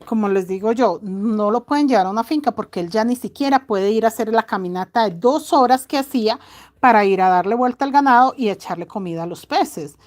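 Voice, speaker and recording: Chatty woman, fairly high voice. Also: expressive, fairly quick. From Colombia. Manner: warm chatty, affectionate diminutives, addresses viewers as girls; speaks loudly. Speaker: crochet channel host. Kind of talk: casual chat to viewers.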